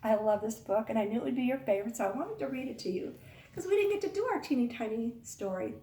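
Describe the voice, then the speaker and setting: Speaking fast with a warm tone and lively intonation, this woman runs a storytime for small kids, drawing them in with sing-song coaxing and questions. Her voice is on the high side, and the distant mic picks up a roomy echo.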